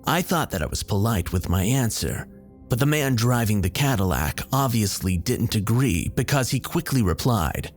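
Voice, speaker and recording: Male horror narrator, lowish and lively, measured delivery over soft music. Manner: measured storytelling. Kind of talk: scripted narration.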